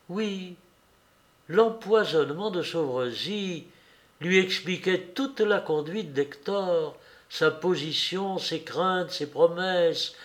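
A man narrating a classic novel audiobook in a measured, dramatic storytelling manner. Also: on the high side.

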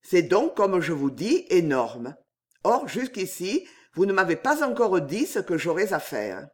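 A man's voice: high voice, big pitch swings, a little slow. A man reading aloud, voicing a humble male servant in strained, pleading outbursts. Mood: tense. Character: tense humble servant man, seething hatred.

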